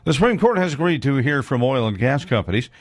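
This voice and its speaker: A man reading scripted radio news as anchor in a measured, steady way. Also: medium pitch, dry recording. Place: studio.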